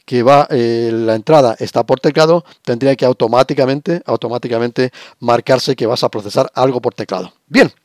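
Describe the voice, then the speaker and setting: A man's voice: mid-range voice, moderate pace, darkish tone, no echo, studio quality. Man teaching over screen share. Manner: explanatory, frequent rhetorical checks. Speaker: lecturer. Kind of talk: recorded screen-share lesson.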